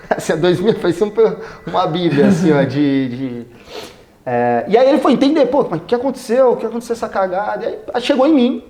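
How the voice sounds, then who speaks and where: A young adult man with a Brazilian Portuguese accent, a guest telling his career story in a casual, slangy, animated way. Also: high voice, brisk. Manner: slangy and animated, acts out dialogue. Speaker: guest, company executive.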